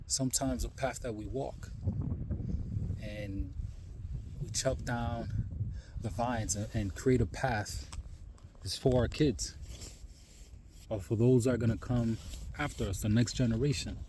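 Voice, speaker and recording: A man's voice: mid-range voice, slight background noise. Tired man musing on a snowy trail. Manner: calm, musing, many "you know" asides. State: cold and tired from hiking. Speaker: vlogger. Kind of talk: reflective outdoor vlog talk. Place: outdoors on a snowy forest trail. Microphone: handheld phone.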